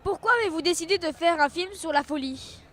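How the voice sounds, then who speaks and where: Very high-pitched female interviewer. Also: a little fast, a bit bright. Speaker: young reporter interviewing. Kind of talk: prepared interview questions.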